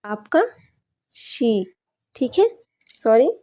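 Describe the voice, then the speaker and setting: A young woman teaching an exam-prep grammar lesson, speaking slowly and deliberately and often telling students to look closely. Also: fairly high pitch, lively intonation, warm tone. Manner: slow, deliberate, repeats "dekhiye" often.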